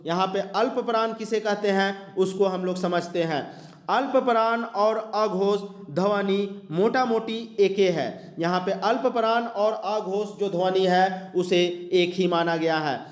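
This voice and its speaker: High-voiced man teaching grammar. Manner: explains step by step, repeating terms and drawing out example sounds. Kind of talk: exam-prep grammar lesson. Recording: echoey room.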